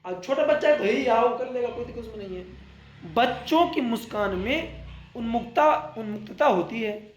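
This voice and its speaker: Animated high-voiced male teacher. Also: normal speed, slight background noise. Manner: animated, explains with everyday examples and acted-out asides. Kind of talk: classroom lecture. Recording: echoey classroom.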